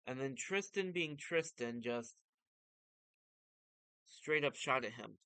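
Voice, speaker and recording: Male vtuber, casual fan commentary, mid-pitched clean smooth voice, close dry sound. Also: animated, slow, sharp tone, dry recording. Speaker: vtuber reading and commenting on manga.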